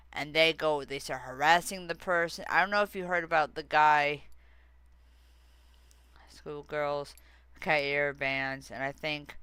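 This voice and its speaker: This is a streamer talking slowly and casually to viewers, drifting off topic and circling back. The voice is bright and smooth. The recording is dry and close, with no room sound. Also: medium pitch, dry recording. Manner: rambling and easily sidetracked; frequent fillers and restarts. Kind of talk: casual livestream chat.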